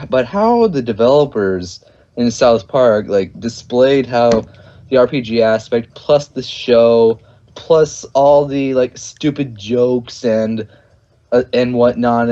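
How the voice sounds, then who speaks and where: A man's voice: mid-range voice, a little mellow, lo-fi sound. A young man from the United States co-hosting a gaming podcast, rambling nervously with many fillers and restarts. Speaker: podcast co-host. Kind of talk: casual chat.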